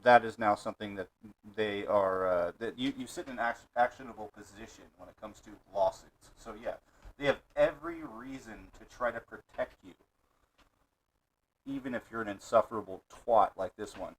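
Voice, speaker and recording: A man's voice: fairly low pitch, normal speed, rough recording. A man co-hosting a reaction stream in casual chatter, crude and swearing a lot. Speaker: co-host reacting to a video.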